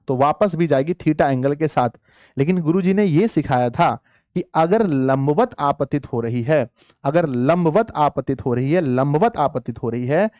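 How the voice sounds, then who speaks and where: A man's voice: a little high, darkish tone, dry recording, studio quality. A man teaching a live online class, coaxing his pupils like dear children and repeating phrases for emphasis.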